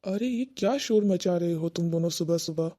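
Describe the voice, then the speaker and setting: A woman's voice: lowish voice, fairly quick, over music, lightly acted. A woman voicing a flustered young husband who pleads and tries to placate his mother and his wife. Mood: pleading.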